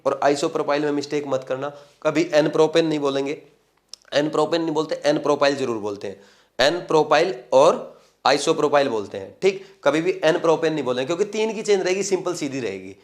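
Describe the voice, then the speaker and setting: A male chemistry teacher with a somewhat high voice gives a lesson at the board, going through the material step by step. He mixes English technical terms into his speech and often pauses to check whether the students are following.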